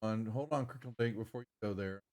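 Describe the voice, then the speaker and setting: A man's voice: fairly low pitch, darkish tone. A man running a tabletop game as game master on an online call, narrating off the cuff in casual, piecemeal phrases. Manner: halting, piecemeal delivery. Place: online group video call.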